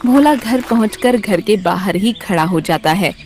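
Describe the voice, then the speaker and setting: A woman narrating a children's cartoon story in an even, plain storytelling manner. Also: mid-range voice, a little slow, soft background music.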